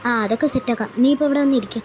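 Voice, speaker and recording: A woman's voice: sits high, darkish tone, lightly acted. Doting fussy mother, a woman acting. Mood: coaxing. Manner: coaxing, fussing, fast-talking. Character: doting middle-aged mother and aunt. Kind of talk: fan audio drama. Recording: background music under voice.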